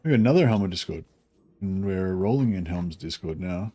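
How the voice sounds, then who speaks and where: A man's voice: low-pitched, expressive, a little fast, warm tone, a little hiss or hum. A man casually thinking aloud as he plays a video game, musing and hesitant, with some swearing. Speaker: video game player commentating.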